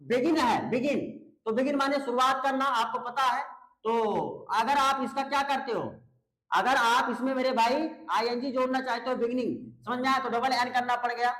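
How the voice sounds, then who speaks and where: A man's voice: extremely high pitch, fairly even intonation, normal speed, fairly bright tone. Male teacher, classroom lesson, repeats words, roomy echo. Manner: repeats key words, addresses students as brother and friend. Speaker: English teacher. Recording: echoey room.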